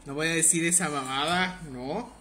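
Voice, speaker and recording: A young man with a Mexican Spanish accent rambles through a live game stream, teasing his chat with crude banter. His voice sits a little high and comes across bright and forceful. A faint background hiss runs under the talk. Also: moderate pace. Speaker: livestreamer. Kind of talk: casual live gameplay commentary.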